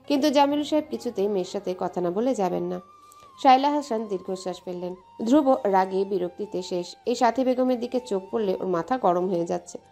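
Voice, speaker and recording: Brief: female narrator, mellow warm tone, steady dramatic storytelling. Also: medium pitch.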